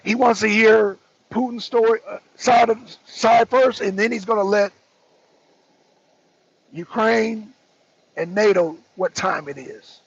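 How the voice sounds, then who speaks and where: Hosting a political talk show, a man gives blunt, emphatic commentary, repeating phrases for effect. His voice is husky and extremely high-pitched, and the audio is dull and lo-fi.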